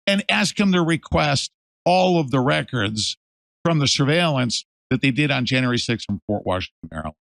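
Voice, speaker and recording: A male host in a casual interview, emphatic and animated, swinging from loud to hushed. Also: medium pitch, normal speed, vocal fry, no room sound.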